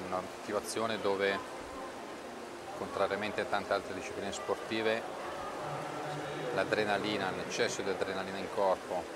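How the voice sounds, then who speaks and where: A man with an Italian accent calls a freediving event in a calm, explanatory way, pointing out technique as the athletes swim. His voice sits low and stays flat. Loud pool noise washes under everything. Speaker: sports commentator. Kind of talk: live sports commentary. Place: indoor swimming pool.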